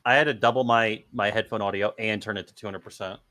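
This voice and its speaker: Bright-voiced, hesitant man judge. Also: on the low side, steady tone, fast, no room sound. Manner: hesitant, fair-minded, restarts often. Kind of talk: casual livestream chat.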